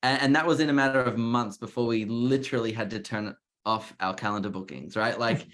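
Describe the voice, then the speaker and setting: An energetic Australian man co-hosts a webinar in a mid-range voice. He fires off salesy encouragement and leans on "like" and "just" as he talks. His delivery is quick to push viewers to take action. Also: medium pitch. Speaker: co-host. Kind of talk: live webinar chat.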